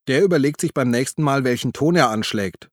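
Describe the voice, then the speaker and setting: A man voicing a defiant, cheeky male train passenger who snaps back loudly. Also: medium pitch, expressive, brisk, no room sound, studio quality, voice pushed up, close to an everyday voice. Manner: snappy, provocative.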